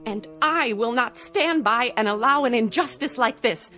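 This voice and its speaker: The speaker is an actress voicing the indignant young wife of a doctor, earnestly protesting in his defense, in a 1960s TV drama. Her fairly high voice sounds pushed and bright at a moderate pace. Faint music plays on the old TV soundtrack.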